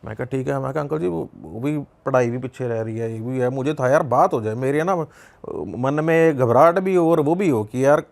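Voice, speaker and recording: A young man with a Punjabi accent tells a personal story in a relaxed, conversational way. His voice has a gravelly edge, and he keeps repeating phrases and voicing the other people in it. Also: mid-range voice, moderate pace. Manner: conversational, lots of repetition and quoted dialogue. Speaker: podcast guest. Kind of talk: casual storytelling.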